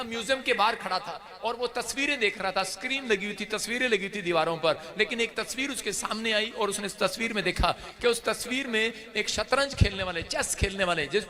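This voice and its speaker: A male pastor preaches an impassioned sermon, telling everyday stories and rising to shouts. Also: sits high.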